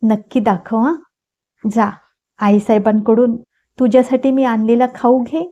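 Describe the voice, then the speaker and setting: A woman's voice: on the high side, level tone, measured pace, warm tone. A woman voicing a polite, cheerful young woman visiting a family. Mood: friendly. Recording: dull lo-fi recording.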